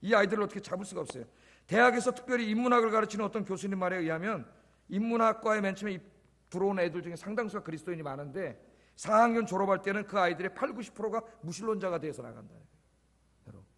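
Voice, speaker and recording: High-voiced preaching pastor in echoing church. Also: male voice, lively intonation, rapid-fire. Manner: emphatic preaching, repeats key words softly after stressing them. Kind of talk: sermon. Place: church sanctuary. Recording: long church reverb.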